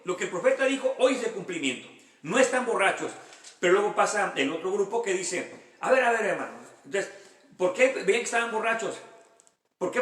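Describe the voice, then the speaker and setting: During a Bible study sermon, a male pastor with a high, slightly bright voice reads verses aloud and then explains them through personal anecdotes. He keeps it conversational, asking many rhetorical questions. The room is echoey and he sounds far from the mic.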